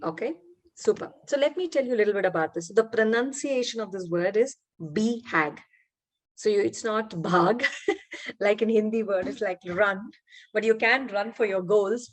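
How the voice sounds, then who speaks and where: A woman's voice: medium pitch, normal speed. Woman facilitator on a video call, encouraging, quizzing the group. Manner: warm encouraging, asks participants questions. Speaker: workshop facilitator and founder. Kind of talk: online workshop teaching.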